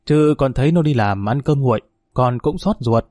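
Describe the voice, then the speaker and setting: A man voicing a hot-tempered young husband who talks earnestly and quickly to his family. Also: medium pitch, animated, warm tone, no room sound, clean studio sound, close to an everyday voice.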